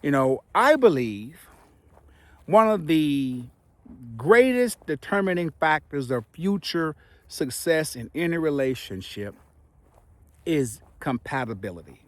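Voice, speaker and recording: A middle-aged man giving casual, playful relationship advice to viewers, speaking emphatically with dramatic pauses and slightly impeded by the retainers he is wearing. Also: a little high, sing-song, no room sound.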